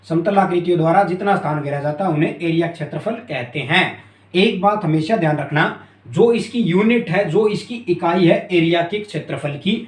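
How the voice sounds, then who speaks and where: A man teaching a math lesson at a board, repeating key terms and often asking if it is clear. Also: high-pitched. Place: classroom with a board. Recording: echoey room.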